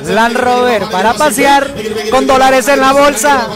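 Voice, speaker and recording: A man's voice: extremely high pitch, measured pace. A man hosting a car auction live stream with upbeat, slangy, bilingual promotional patter in a crowded covered outdoor lot. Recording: loud crowd around the voice. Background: loud crowd.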